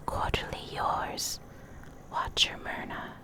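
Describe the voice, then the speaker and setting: Whispering softly and breathily into a nearby USB condenser mic, this woman reads ASMR content at a gentle, measured pace. She works as an ASMR creator, video host and reader.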